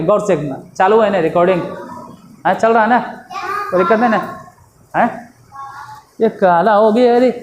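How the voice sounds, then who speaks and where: A man's voice: sits high, slight background noise. A male English teacher, giving a classroom lesson and quizzing his pupils. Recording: echoey classroom.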